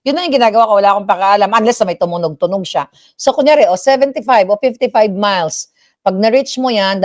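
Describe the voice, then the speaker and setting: A middle-aged woman from the Philippines, living in the United States, hosts a casual livestream and chats animatedly in Tagalog mixed with English, acting out the voices she quotes. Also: mid-range voice. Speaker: livestream commentary host. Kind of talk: casual chatty storytelling.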